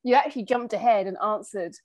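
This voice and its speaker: A woman's voice: medium pitch, fast, no room sound. Chatty woman interviewer, dry sound. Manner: chatty, self-deprecating, rising questions. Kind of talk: video call interview.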